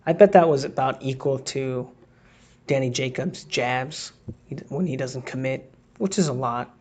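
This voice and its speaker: A boxing analyst with a mid-range, darkish voice gives a casual, think-aloud breakdown of fight footage at a measured pace. He reacts to each replay while scoring the round.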